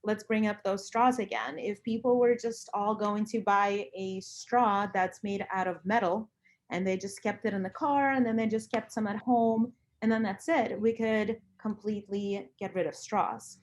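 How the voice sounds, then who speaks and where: A woman talks in an informal, conversational way. Her pitch sits in the middle range, and she is earnest, often repeating a phrase for emphasis. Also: fairly even intonation, normal speed. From Lithuania. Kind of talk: casual conversation about personal views.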